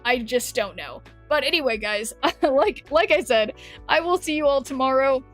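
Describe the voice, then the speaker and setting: On a live game stream, a woman chats casually, rambling and responding to chat while soft music plays behind her. Her voice is high-pitched, expressive and fairly bright at a moderate pace, but it's worn out and she's losing it from so much talking.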